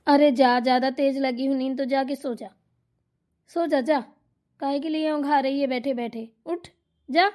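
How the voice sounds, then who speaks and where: A woman's voice: fairly even intonation, moderate pace, a little mellow, lightly acted. A woman voicing a nagging older mother-in-law. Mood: grumbling. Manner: shrill, bossy, insulting. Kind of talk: cartoon comedy voice acting.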